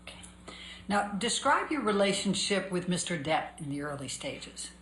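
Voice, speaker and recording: A woman attorney questioning a witness in court, brisk and businesslike. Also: lowish voice, very animated, a bit bright. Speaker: trial attorney. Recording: echoey courtroom recording, faint noise.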